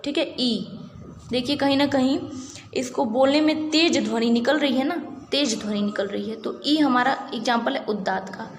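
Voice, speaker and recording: A woman's voice: high voice, moderate pace. A woman teaching an exam-prep grammar lesson, patiently repeating key points and checking in with her listeners. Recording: echoey room with long reverb, faint background noise.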